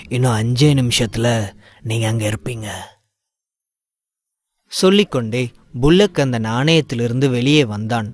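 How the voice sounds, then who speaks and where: Man narrating a dramatic audio story. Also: mid-range voice.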